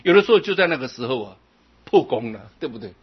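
A man giving a Buddhist dharma talk, chanting examples fast and slow and asking rhetorical questions. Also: mid-range voice, very animated, breathy edge, lo-fi sound. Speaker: Buddhist teacher.

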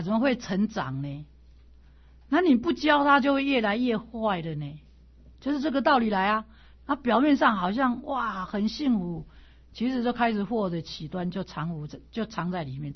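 A woman's voice: medium pitch, slightly rough. A woman teaching the Analects in a conversational lecture, often repeating and restarting phrases and pushing up into emphatic questions. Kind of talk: informal classroom lecture on classical texts. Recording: dull lo-fi recording.

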